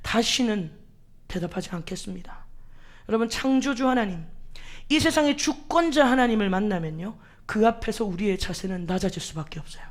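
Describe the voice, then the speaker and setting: A woman's voice: fairly high pitch, fairly bright tone. A woman pastor preaching a sermon, emphatic, asking the congregation rhetorical questions and acting out quoted pleas with drama.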